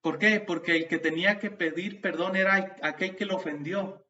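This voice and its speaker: A man's voice: sits high, moderate pace. A man preaching a sermon, telling stories and turning to the congregation with asides. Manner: storytelling, animated, with restarts and asides to the congregation. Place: church. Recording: distant, dull mic sound.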